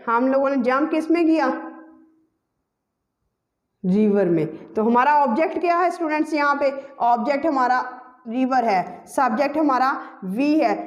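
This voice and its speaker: A woman's voice: high-pitched, a little mellow. A woman teaching an English grammar lesson, explaining step by step, repeating key terms and addressing her students directly. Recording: echoey room.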